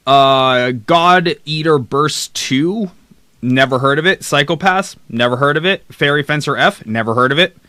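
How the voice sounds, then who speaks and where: A man's voice: fairly high pitch, measured pace, pushed and bright, no room sound, studio quality. A young man streaming live, chatting casually and rambling through a list of games while reading the chat aloud. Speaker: streamer host. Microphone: desk mic close up.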